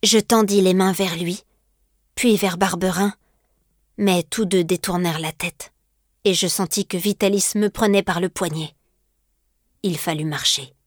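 A woman narrating a classic novel excerpt in a clear, steady storytelling voice. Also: on the low side, measured pace, long pauses, no room sound, studio quality. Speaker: audiobook narrator. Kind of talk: scripted narration.

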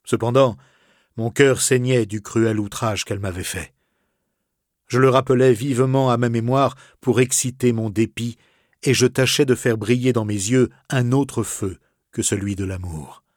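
A man reading a classic novel aloud as narrator, expressive and softly dramatic. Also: mid-range voice, measured pace, no echo, studio quality. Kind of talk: literary audiobook reading.

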